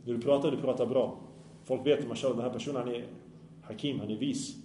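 A man delivers a sermon in an earnest, questioning way, checking in with his listeners. His tone is mellow and relaxed. The room rings with echo under a light background hiss. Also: mid-range voice. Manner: earnest, asks the audience often. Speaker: preacher. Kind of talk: Islamic sermon to youth.

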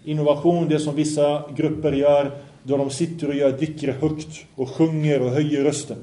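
A man's voice: on the high side, little pitch movement, dark tone. A man giving an Islamic study lesson, reciting Arabic passages, translating and explaining them, and asking his listeners questions. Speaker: religious teacher. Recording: echoey room.

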